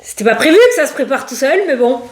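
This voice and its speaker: A woman's voice: high-pitched, very animated, fast. A woman doing a casual, rambling tarot reading who laughs often and speaks with a regional French accent. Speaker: tarot card reader. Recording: echoey room.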